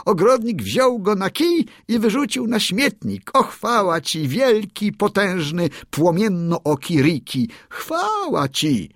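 A man voicing an excitable male tailorbird who chants and gushes his praise. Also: sits high, takes it slowly, hardly any pauses, no echo, studio quality, voice pushed up, heavily acted. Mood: gushing. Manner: chanting, gushing. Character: shrill excitable male tailorbird, boastful singer.

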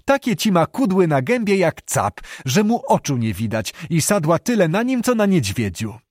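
A man's voice: high voice, big pitch swings, moderate pace, darkish tone, no echo, pitched above the performer's own voice. Playful young girl, as a male reader puts her on, pert, lifted voice, dry recording. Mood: teasing. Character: lively teasing young peasant girl, fifteen.

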